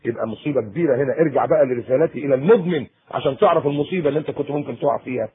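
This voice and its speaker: A man preaching to teenagers in Egyptian Arabic, in a colloquial, animated sermon with acted-out asides. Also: mid-range voice, racing, breathy edge. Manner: animated, acts out a teen and mother in quoted asides. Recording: tinny lo-fi phone-like tape.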